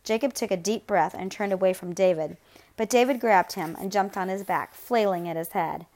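A woman narrating a novel aloud in a steady, measured, grave storytelling voice. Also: medium pitch. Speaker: audiobook narrator.

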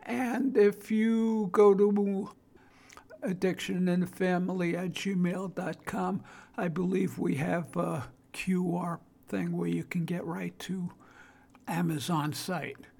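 Older female podcast host, Brooklyn accent, creaky husky voice, halting plain-spoken delivery. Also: on the low side, fairly even intonation, a little mellow. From Brooklyn, New York. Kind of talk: informal solo podcast talk.

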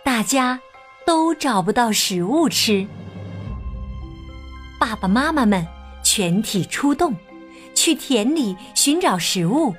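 A woman reading a children's story aloud in an animated way, putting on voices for the characters. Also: on the high side.

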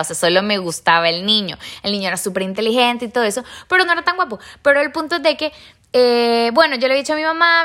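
Bright-voiced young woman. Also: fairly high pitch. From El Salvador. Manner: animated storyteller, acts out quoted voices. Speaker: podcast host. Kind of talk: casual chat.

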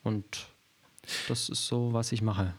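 A man from Germany, a photographer and videographer, talking as a podcast guest in a relaxed chat, often pausing and restarting his sentences. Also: fairly low pitch, breathy edge. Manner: hesitant, many fillers and restarts. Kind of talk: casual podcast interview.

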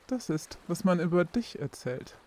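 A woman's voice: lowish voice, lively intonation, moderate pace, warm tone. A woman voicing a menacing, mocking young man in an audiobook, with a sneering, threatening manner. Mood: sly.

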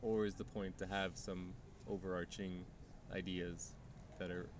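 A man with a fairly low voice in a casual podcast conversation, working ideas through aloud and asking probing questions. Steady background noise with passing vehicles sits under his voice. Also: measured pace. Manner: thoughtful, probing, asks many questions. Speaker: podcast co-host.

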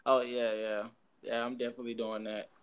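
A man's voice: medium pitch, level tone, fairly quick, fairly bright tone. A man co-hosting a casual gaming podcast, rambling with many fillers as he searches for words. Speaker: podcast co-host. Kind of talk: casual chat.

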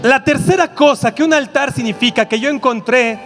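Male preacher, Mexican accent, very high pitch, church auditorium, faint music. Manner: animated, rhetorical questions, quick asides to the crowd. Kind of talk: sermon.

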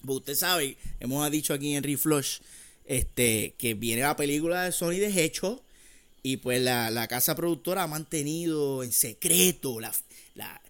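A man's voice: a little high, normal speed, fairly bright tone. A Puerto Rican man hosting a podcast in casual, crude comic banter with exaggerated emphasis. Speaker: podcast host.

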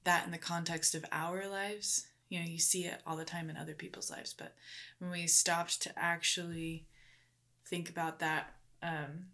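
A young pregnant woman chatting casually on camera in a soft, tender way with many fillers. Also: lowish voice, flat delivery, normal speed. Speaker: vlog co-host, pregnant mother. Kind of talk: casual couple chat to camera. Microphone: microphone on camera.

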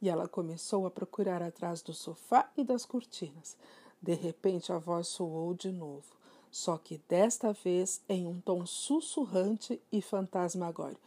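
A woman reading a children's story aloud in an expressive manner. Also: fairly low pitch, unhurried, husky. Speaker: narrator.

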